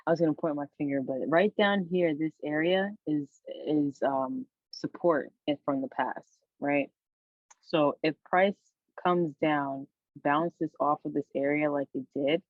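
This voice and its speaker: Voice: medium pitch, no echo. A stock trader with the hiccups, giving a casual weekly recap of trades in a loose, rambling way with plenty of fillers. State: has the hiccups. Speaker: stock trader hosting a channel. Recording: dry, tinny phone-like audio.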